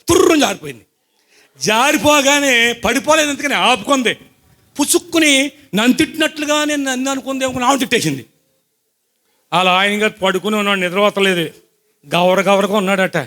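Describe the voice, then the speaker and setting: Preaching to his congregation in a high voice, a man blends scripture with his own testimony. As he recounts his story he questions the audience, alternating excited, loud outbursts with hushed asides.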